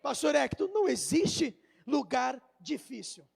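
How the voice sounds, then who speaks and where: A man with a Brazilian accent, a pastor preaching a sermon in a church, moving between quiet storytelling and shouted crescendos. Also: extremely high pitch, big pitch swings, unhurried, vocal fry. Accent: Brazilian Portuguese. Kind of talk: Pentecostal sermon.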